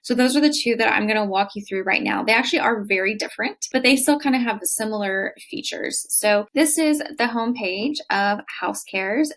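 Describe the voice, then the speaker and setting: Chatty woman with a gravelly voice. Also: mid-range voice, a bit bright. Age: 30s. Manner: chatty, explanatory, laughs often. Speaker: travel vlogger. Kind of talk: screen walkthrough tutorial. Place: house in Oxford, England.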